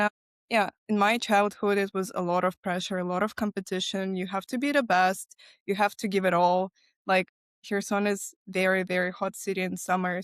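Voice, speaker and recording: A woman's voice: mid-range voice, fairly bright tone, no room sound, studio quality. Young Ukrainian woman chatting candidly. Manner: candid, searching for words, frequent "like". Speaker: guest. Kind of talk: casual interview chat.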